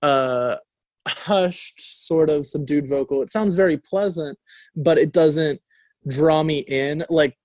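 A young man with a slightly high, darkish voice speaks slowly while co-hosting a college radio show, casually reviewing a record amid many fillers and restarts. The recording, made on a studio mic in a radio studio, is dry.

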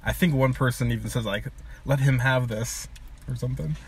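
A man interviewing a guest in a relaxed, casual way, laughing often and asking short questions. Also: medium pitch, fairly quick, slight background noise.

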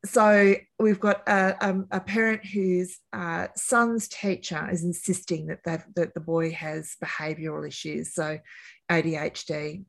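A woman's voice: on the low side, flat delivery, a little slow, vocal fry. Woman host reading out a viewer question. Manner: warm encouraging backchannel, paraphrases questions. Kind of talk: casual interview hosting.

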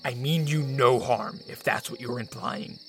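A man's voice: medium pitch, unhurried, music in the background, lightly acted. Man playing a nervous, hesitant Count Dracula. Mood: guarded. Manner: hesitant, apologetic. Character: nervous, polite male vampire count, a wary outsider. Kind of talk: radio drama acting.

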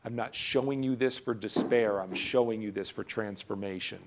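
A man preaching a sermon at a church service. He repeats his lines for emphasis and swings between loud urgency and hushed intensity. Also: on the low side, moderate pace, noisy background. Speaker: pastor.

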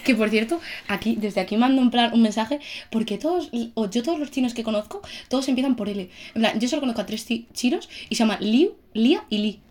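A woman's voice: fairly high pitch, brisk, a little hiss or hum. A young woman from Spain with a Spanish accent, co-hosting a casual podcast chat and telling stories animatedly, acting out what people said. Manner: animated storytelling, acts out quotes. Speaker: podcast co-host.

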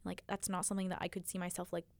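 A young American woman hosts a casual podcast chat. Her voice is clean and smooth, picked up very dry. She talks informally, with slang and lots of "like". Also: on the low side, monotone, racing, dry recording. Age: young adult. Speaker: podcast host.

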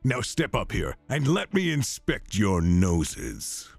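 A man voicing a gruff, greedy king who speaks slowly and commandingly, with a breathy voice. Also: on the low side, huge pitch swings, no echo, faint music behind, heavily acted. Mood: menacing. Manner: slow, drawn-out and commanding.

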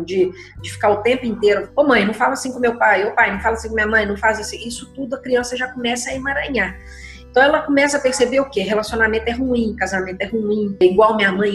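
Expressive Brazilian woman in echoey room. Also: a little high. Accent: Brazilian Portuguese. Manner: conversational and expressive, acts out quotes. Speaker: systemic constellation therapist. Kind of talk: explaining listener questions.

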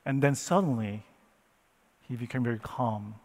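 A man preaching as a dramatic first-person retelling of a Bible story. He speaks slowly and with emotion, telling it as the father in the story. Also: mid-range voice, a little mellow, big-room sound.

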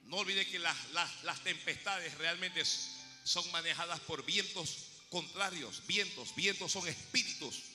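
A man pastor preaching a sermon, rising to shouts and dropping to quiet asides. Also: fairly high pitch, measured pace, big-room sound, soft background music.

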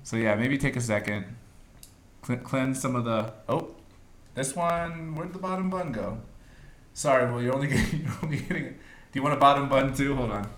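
A man's voice: medium pitch, lively intonation, moderate pace, a bit bright. A man hosting a podcast taste test, with playful game-show patter and chuckles. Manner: jokey, announcer-style patter with chuckles. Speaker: podcast host running a blind taste test. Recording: roomy echo.

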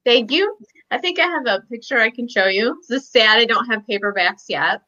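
A woman from Michigan, USA, appears as a guest author on a video call for a casual podcast chat, full of "um"s and small laughs. Her voice is a little high, animated, brisk, bright and forceful, with lo-fi sound.

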